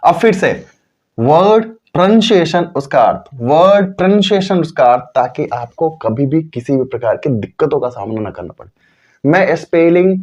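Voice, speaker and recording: A man teaching English pronunciation rules in a lesson, repeating key words slowly and asking and answering his own questions. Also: on the high side, lively intonation, a little mellow. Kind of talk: Hindi lesson explaining English spelling rules.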